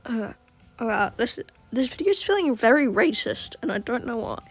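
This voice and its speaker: A woman's voice: a little high, big pitch swings, normal speed, slightly rough, no echo, soft background music. A woman narrating a story game aloud, with blunt, sometimes swearing commentary. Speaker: gameplay streamer reading a visual novel.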